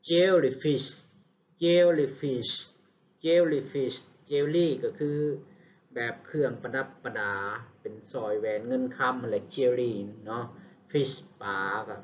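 A man with a Lao accent teaches English vocabulary at a very slow, deliberate pace, repeating each word several times before he explains it. His voice sits at an ordinary pitch. The recording sounds dull and lo-fi, with a faint hiss behind it. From Laos. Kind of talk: vocabulary lesson.

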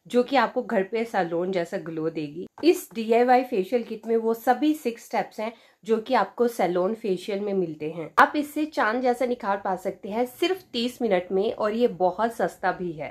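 Chatty Indian woman reviewing skincare. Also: mid-range voice. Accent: Indian English. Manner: chatty Hindi-English mix, frequent "you know". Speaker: beauty vlogger. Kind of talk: product review vlog. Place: small room indoors, facing the camera.

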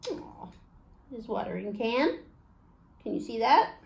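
A woman in her forties hosts storytime in a small indoor room, reading a picture book aloud to children in simple phrases and asking them questions. Her voice sits on the high side, slow yet animated, gravelly with a darkish tone.

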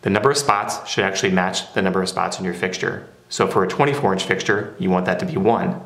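A man's voice: low voice, fast talker, a bit bright. A man narrating a step-by-step product how-to in a plain, methodical way. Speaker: product demonstrator. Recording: roomy echo.

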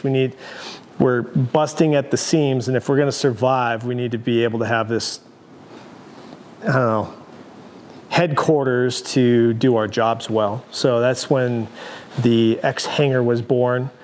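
A man in his forties shows a visitor around his big indoor garage workshop. He talks in an easygoing, rambling way, full of fillers and restarts, at a middling pitch. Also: darkish tone, slight background noise. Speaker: overland company founder giving a shop tour. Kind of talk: casual tour interview.

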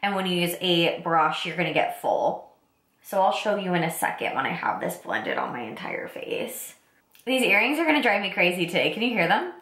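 Young woman beauty vlogger, lingering cold rasp, enthusiastic and chatty, recorded in a roomy space. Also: on the low side, very animated, normal speed, fairly bright tone. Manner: chatty, enthusiastic product talk. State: lingering cold, slightly raspy congested voice. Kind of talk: casual get-ready-with-me makeup talk. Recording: roomy echo.

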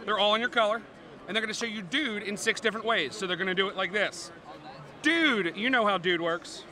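Playful, bright-voiced man demoing games. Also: sits high, fast. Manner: playful, animated, jokey salesman. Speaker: board game publisher representative. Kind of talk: convention floor game demo. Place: busy convention hall.

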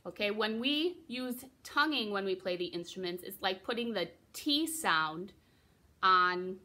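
A woman's voice: mid-range voice, expressive, unhurried, sharp tone. A young woman giving a recorder lesson for children, patiently explaining and encouraging, counting her students in. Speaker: music teacher.

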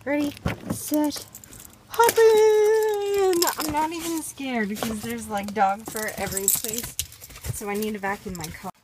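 A woman's voice: medium pitch, moderate pace, noisy background. A young woman from Canada chatting in a rambling, casual video diary, often saying "like". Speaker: vlogger.

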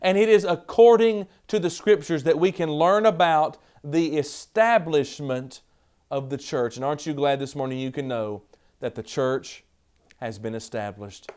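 A man in his thirties with a Southern American accent, preaching a televised sermon from a studio podium, building to loud emphatic repetitions. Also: fairly high pitch, normal speed, clean tone. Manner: emphatic, rising to loud repeated declarations.

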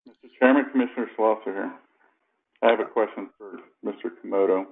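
Middle-aged man, commissioner type, deeper voice, dialed in by landline phone, formal and halting. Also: gravelly. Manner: measured, halting, with many fillers. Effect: over a landline phone. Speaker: commissioner at a public planning hearing. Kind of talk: formal questioning at a public meeting. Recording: tinny landline phone line.

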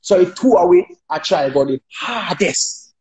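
A man with a Jamaican accent chatting on a phone livestream, telling animated stories, laughing and acting out dialogue. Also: high voice, a little slow. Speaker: dancehall artist on a live stream. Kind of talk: casual chat on a livestream.

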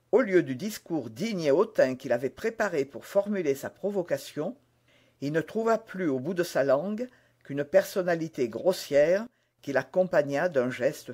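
A man reading a classic adventure novel aloud in a clear, measured storytelling voice. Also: a little high, darkish tone. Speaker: reader. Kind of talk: audiobook narration of a classic novel.

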